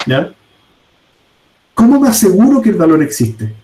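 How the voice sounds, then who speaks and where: A man walks his class through code one step at a time, pausing to check that they follow. His voice sits a little high but sounds soft and dark, and he talks slowly. The sound carries a roomy echo. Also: wildly swooping pitch, soft background music. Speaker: programming teacher. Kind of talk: live coding class. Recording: echoey room.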